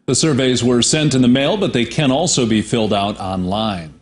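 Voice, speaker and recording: A male news anchor reading scripted local news in a steady, measured way. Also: medium pitch.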